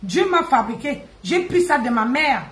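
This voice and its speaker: A woman, ranting and mocking on a live stream, loud, laughing and teasing. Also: high voice, sing-song, moderate pace. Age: 50s. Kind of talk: Facebook live rant. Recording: echoey room.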